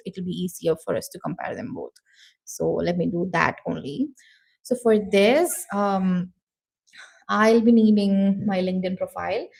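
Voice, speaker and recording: A young woman with an Indian accent walks through a casual screen-share tutorial, talking her steps out loud. Her voice sits at a middling pitch and carries a touch of vocal fry. She fills her pauses with chatty ums and little asides. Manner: thinking aloud, many fillers, chatty. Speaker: show host.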